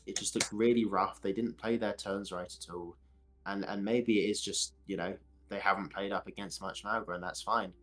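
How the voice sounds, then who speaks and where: A man co-casting an esports match, giving measured analysis with a dry, wry humour. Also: lowish voice, steady tone, a bit bright. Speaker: esports co-caster.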